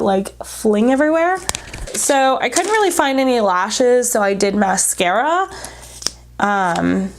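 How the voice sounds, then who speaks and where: Reviewing makeup as she applies it, a woman chats to her camera in a blunt, informal way with jokey asides. Her voice is a little high, with slight background noise. She sounds congested and short of breath from allergies, close to hyperventilating.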